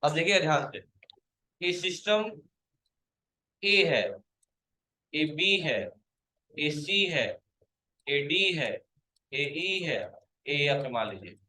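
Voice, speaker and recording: A man's voice: fairly high pitch, pushed and bright, roomy sound, poor audio. A male computer teacher giving a classroom lecture, quizzing his students, calling them to stand and scolding those who have not understood.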